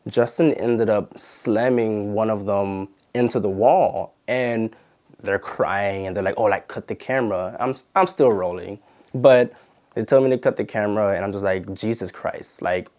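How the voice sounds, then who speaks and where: A man's voice: on the low side, measured pace, darkish tone. A young man telling a story to camera in a casual, indignant way, full of "like" and "you know". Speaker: channel host and former videographer.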